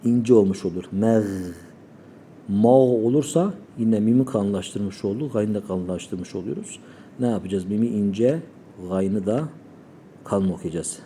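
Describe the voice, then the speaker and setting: A man teaching Quran recitation, calmly explaining pronunciation and demonstrating sounds slowly. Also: on the low side, slight background noise.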